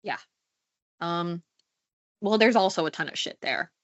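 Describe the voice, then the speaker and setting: A congested young woman co-hosts a podcast, chatting casually in a lowish, expressive voice at a slightly slow pace. She teases and swears freely. The recording is muffled and lo-fi.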